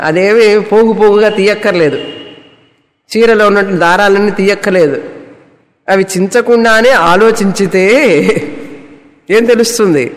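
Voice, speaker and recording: A man teaching a spiritual discourse on scripture, asking rhetorical questions and repeating phrases. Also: high-pitched. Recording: long hall reverb.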